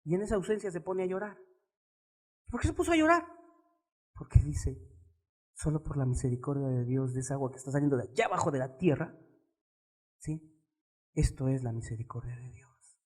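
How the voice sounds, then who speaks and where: A man preaching with a high-pitched voice. He fires off rhetorical questions and moves between low, murmured asides and loud, emphatic exclamations. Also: big pitch swings, a little fast, long pauses, slightly rough. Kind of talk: sermon.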